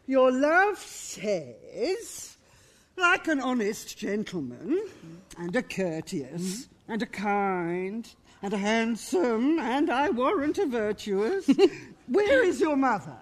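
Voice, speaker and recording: A woman's voice: sits high, sing-song, slow pace, exaggerated voice. Woman playing the Nurse, fussy and teasing. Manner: fussy, teasing, groaning about aches. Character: garrulous older woman nurse, teasing and complaining. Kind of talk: Shakespeare stage acting.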